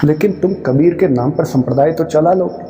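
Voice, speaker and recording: A man giving an emphatic, rhetorical spiritual discourse, scolding his listeners in drawn-out phrases. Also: a little high, warm tone. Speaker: spiritual speaker. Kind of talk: devotional discourse on Kabir's verses. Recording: long reverb with faint music.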